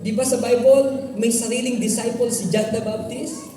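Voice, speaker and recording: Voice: mid-range voice, fairly even intonation, normal speed, noisy background. A preacher from the Philippines delivering a sermon in a church, calling out to the congregation and mixing in English phrases. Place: large church hall. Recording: echoey hall, far from mic, with music.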